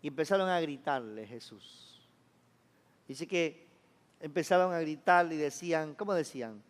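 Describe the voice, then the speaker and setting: A man's voice: fairly high pitch, moderate pace, long reverb tail. A man, a pastor preaching to his congregation in a chatty style, often asking them whether they follow along. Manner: conversational preaching, asks the congregation for agreement. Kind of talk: sermon. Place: church.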